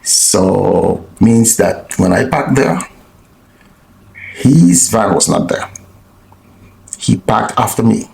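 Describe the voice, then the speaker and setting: A man's voice: fairly low pitch, lively intonation, slow, vocal fry, pauses often, darkish tone, echoey room, poor audio. A man vlogging, telling a story in a blunt, profane way with lots of restarts. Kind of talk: casual storytelling monologue.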